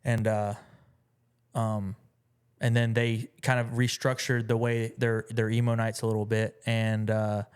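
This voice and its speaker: A man's voice: on the low side, monotone, a little slow, a little mellow, clean tone. A man talking as a musician guest in a casual interview, rambling with many fillers and restarts.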